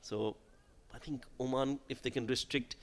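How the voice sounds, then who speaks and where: A man's voice: mid-range voice, steady tone, normal speed. A man giving live cricket commentary in a conversational way, putting questions to his co-commentator.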